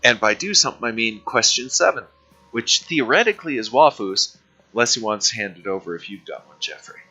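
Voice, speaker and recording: A man's voice: mid-range voice, lively intonation, brisk, bright, forceful tone, husky. A man running a tabletop game as game master, teasing his players, laughing often and insisting they word their questions exactly. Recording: dull lo-fi stream audio with faint music.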